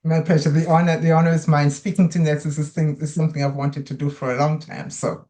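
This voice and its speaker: A woman's voice: low voice, level tone, fairly quick, dark tone. A woman hosting a nursing interview podcast, welcoming her guest in a chatty, affirming way. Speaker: podcast host.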